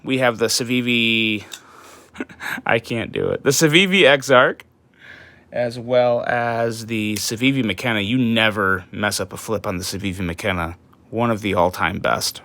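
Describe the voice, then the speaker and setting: A man with a bright, forward voice talks through a knife review in a casual, eager way. He rambles, restarts and stumbles over words in his early-morning voice. The sound is close and dry. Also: lowish voice, unhurried, no echo. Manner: enthusiastic, rambling with restarts and fillers.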